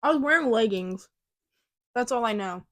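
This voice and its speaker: Young Midwestern woman, higher voice, chatty podcast storyteller, dry close sound. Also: animated, normal speed, a bit bright, dry recording. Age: young adult. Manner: chatty storyteller, playful asides. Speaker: podcast co-host. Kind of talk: casual chat.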